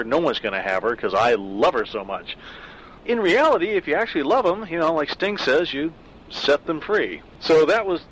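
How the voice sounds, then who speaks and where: A middle-aged man from Southern California gives a casual spoken afterword about a story he wrote, reflective and conversational, with frequent fillers. His medium-pitched voice is fairly bright, and the recording quality is low.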